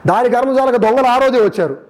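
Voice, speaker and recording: High-voiced male preacher. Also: quick pace. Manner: lively storytelling, keeps asking the congregation questions. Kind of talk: sermon.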